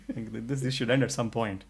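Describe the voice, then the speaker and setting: A man's voice: medium pitch, steady tone, a little fast, vocal fry, breathy edge. Guy chatting on a podcast, medium voice, lots of um and restarts. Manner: chatty, many restarts and fillers. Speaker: podcast co-host. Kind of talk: casual podcast chat.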